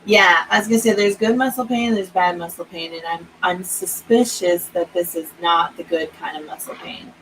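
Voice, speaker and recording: A woman's voice: on the low side, steady tone, normal speed, hardly any pauses, fairly bright tone, slight background noise, rough recording. A woman hosting a casual writing chat over a video stream, talking in loose, laughing stories with trailing restarts.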